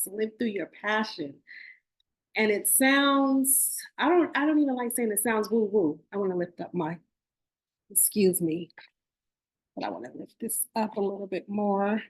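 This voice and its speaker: A woman in her forties hosting a spiritual podcast, talking earnestly to her listeners and often restarting and correcting herself. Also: medium pitch. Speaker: podcast host. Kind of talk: casual spiritual talk.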